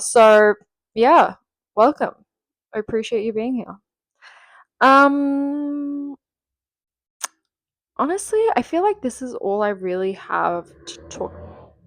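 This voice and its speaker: On her solo home podcast, a twenty-something woman rambles chattily, full of fillers and laughter, sounding slightly nasal from being sick. Her voice is on the high side and a bit bright, yet gravelly with fry. It's recorded close and dry, without any room echo.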